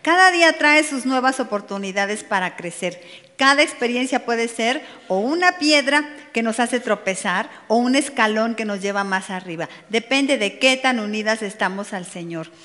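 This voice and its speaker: A woman's voice: fairly high pitch, moderate pace, pushed and bright. A woman preaching to a women's meeting in a conversational way, speaking directly to her listeners with playful asides. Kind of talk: sermon. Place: church meeting hall. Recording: long hall reverb.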